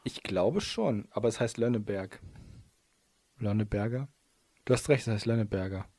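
A man's voice: lowish voice, moderate pace, dark tone, dry recording. A man co-hosting a casual chat, reading facts aloud in a playful, giggly way and stumbling over words. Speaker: podcast co-host.

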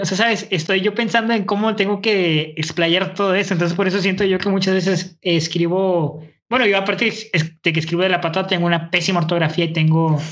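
A young man with a northern Mexican accent, his voice sitting high for a man. He talks fast and clipped in a relaxed chat, stumbling and restarting words as he goes. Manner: fast, clipped talk with frequent stammered restarts. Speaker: host. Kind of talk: casual chat.

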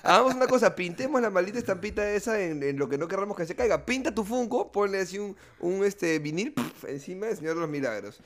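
A man's voice: high voice, expressive, fast talker, hardly any pauses, a little hiss or hum. A man co-hosting a comedy podcast, telling stories with slang and sound effects. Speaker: podcast co-host. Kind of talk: casual comedic banter.

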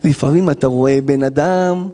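A man, a rabbi, giving an animated Torah lesson, acting out scenes and firing rhetorical questions at listeners. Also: fairly high pitch, long reverb tail.

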